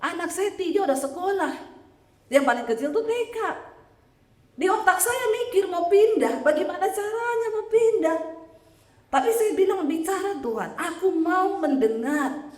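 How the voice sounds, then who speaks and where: Woman preacher, high voice, lively testimony sermon, joking with the congregation, echoey church hall. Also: normal speed, pauses often.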